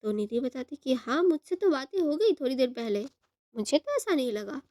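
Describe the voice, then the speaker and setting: A young woman telling a love story in a chatty, halting way. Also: high voice, very animated, warm tone, dry recording, studio quality. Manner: chatty, halting, retells both sides of the phone call. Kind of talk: storytelling narration.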